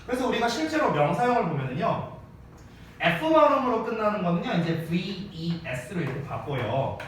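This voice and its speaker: Masked and some distance from the mic, a male English teacher gives a grammar lecture at a moderate pace in a very echoey room, sounding off-mic with faint ambience and slight background noise. His pitch is somewhat high and very animated, and his casual, playful manner shifts between polite and informal speech.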